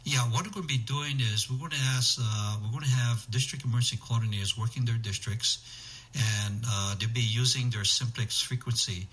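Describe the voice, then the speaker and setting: A man's voice: mid-range voice, fairly quick, fairly bright tone, rough recording. A man being interviewed on the radio, explaining things methodically and listing points in short phrases. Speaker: interview guest, amateur radio emergency organizer.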